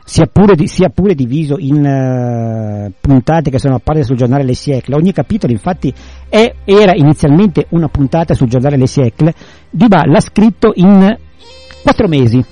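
A man's voice: fairly high pitch, animated, moderate pace, dark tone, dry recording, soft background music. A man in casual conversation retelling and explaining a classic novel, rambling with many restarts.

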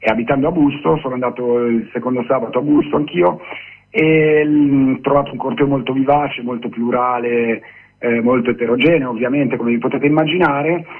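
A man speaking on speakerphone over a phone line as a guest activist in a radio interview, halting with many pauses and fillers. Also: medium pitch, breathy edge.

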